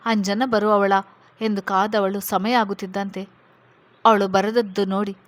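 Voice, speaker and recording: A woman narrating a serialized story aloud in an even, measured way. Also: medium pitch.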